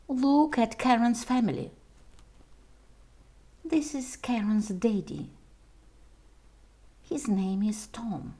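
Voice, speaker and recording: A woman reading a homework lesson aloud for young children, slowly and carefully, as their English teacher. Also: a little high, warm tone.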